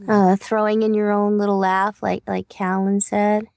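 A woman's voice: mid-range voice, level tone, moderate pace, vocal fry, darkish tone, no room sound, clean studio sound. A woman coaching a voice actor on a podcast, giving encouraging feedback and asking questions. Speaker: voice-over coach.

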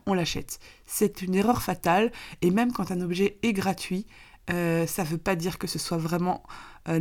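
A woman's slightly low voice, rough and raspy with the hoarseness of a lingering illness. She gives practical advice in vlog style, explaining things step by step and illustrating them with examples. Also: darkish tone. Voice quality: raspy, gravelly voice. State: getting over an illness, hoarse with occasional coughing. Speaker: minimalism coach and author, presenter.

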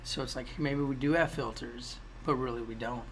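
A young man chats on a casual home podcast. He teases his co-host with quick, playful questions. A faint hiss of noise sits behind his voice. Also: mid-range voice, fairly even intonation. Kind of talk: casual chat.

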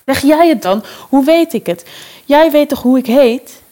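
A woman's voice: sits high, animated, a little slow, warm tone. A woman reading a novel aloud and voicing a panicked person covered in biting bugs, frantic and pleading. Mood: desperate.

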